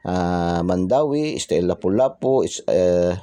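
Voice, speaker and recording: A very low-pitched man with a dark, mellow voice, chatting casually as a channel host. He keeps adding "ha?" and "no?" after his lines, in a dry, close recording. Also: animated, a little slow, no echo. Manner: chatty, repeats tag phrases and "ha?" constantly; drops into whispers for secret numbers. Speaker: lottery tip channel host.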